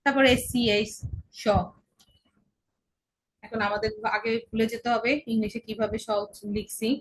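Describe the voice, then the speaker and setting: A woman with a fairly high voice teaches German letters and sounds. She speaks patiently, repeating each sound and answering her own questions. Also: little pitch movement, measured pace, slight background noise, low-quality recording. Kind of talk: explanatory lesson.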